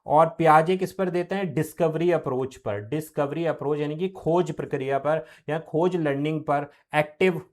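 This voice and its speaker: A man's voice: a little high, moderate pace, few pauses, darkish tone. A young man giving an exam-prep lecture, who repeats key terms and asks questions that he answers himself. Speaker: teacher.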